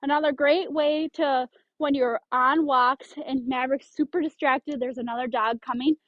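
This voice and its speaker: A woman's voice: high-pitched, steady tone, normal speed, no room sound, muffled recording. A woman dog trainer explaining leash handling step by step, giving firm short commands to a dog. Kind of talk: instructional demonstration.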